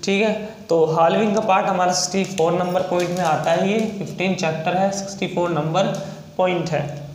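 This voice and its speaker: High-voiced man teaching shorthand. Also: fairly even intonation, fairly quick, reverberant, slight background noise, rough recording. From India. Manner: explains step by step, spells out letters, repeats "ठीक है". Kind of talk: classroom lesson.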